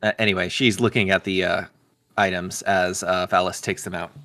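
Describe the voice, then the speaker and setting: Guy playing tabletop rpg, lowish voice, casually narrating his character. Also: level tone, normal speed, sharp tone. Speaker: tabletop game player. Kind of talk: casual role-play narration.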